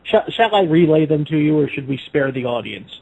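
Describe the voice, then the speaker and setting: A man with a husky, raspy voice trades dry quips in a casual chat. He sounds tinny and narrow, as if he is coming through a phone line. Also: on the high side, lively intonation, fairly quick, no room sound. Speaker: podcast co-host.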